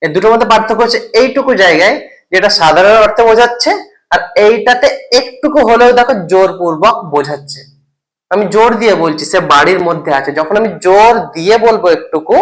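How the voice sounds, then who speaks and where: A teacher walks through a grammar point in a lesson video. They keep asking questions and checking that the listener follows. Example English sentences are read out slowly, one word at a time. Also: medium pitch, a bit bright, poor audio. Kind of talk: explaining grammar in a recorded lesson.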